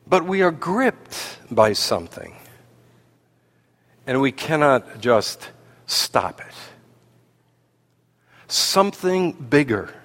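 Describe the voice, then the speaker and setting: A man preaching a sermon, slow and deliberate, with dramatic pauses. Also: mid-range voice, big pitch swings, a bit bright. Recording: long hall reverb.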